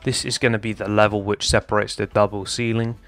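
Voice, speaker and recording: Chatty and brisk, a young Minecraft tutorial creator walks viewers through a build and keeps addressing them as "guys." His lowish voice barely moves in pitch and sounds slightly hoarse, like it's going. Soft music plays faintly in the background.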